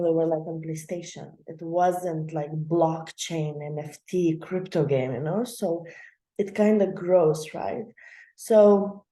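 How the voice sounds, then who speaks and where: The voice belongs to a young woman hosting a channel: on the low side and dark. Her casual explainer talk is chatty and loose, peppered with fillers and laughs, and the room has a noticeable echo.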